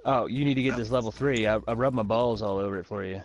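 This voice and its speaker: A man's voice: on the low side, fast talker, slight background noise. A young man in casual gaming chat over a headset, laid-back, making crude jokes and swearing a lot. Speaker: gamer in party chat.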